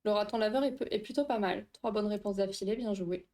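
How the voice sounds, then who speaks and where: A woman's voice: medium pitch, brisk, warm tone. A woman hosting a casual livestream, explaining dream science with a quiz, chatty and laughing often while reading chat aloud. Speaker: livestream host.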